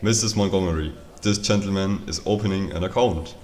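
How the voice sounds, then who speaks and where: A man voicing a grave, calm bank manager in an old-fashioned radio drama, with formal, measured delivery. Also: deep voice, lightly acted. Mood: businesslike.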